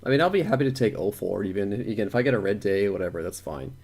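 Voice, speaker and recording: A man's voice: lowish voice, animated, quick pace, creaky, a little mellow. A young man thinking aloud while day trading on a live stream, repeating words and chuckling to himself.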